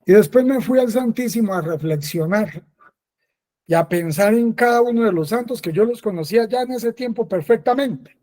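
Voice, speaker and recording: Friar for a catechesis talk, male, slightly higher voice, soft warm tone, chatty and repetitive. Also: lively intonation, normal speed. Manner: conversational, repeats himself, frequent affirming "sí". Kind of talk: spoken catechesis, personal testimony.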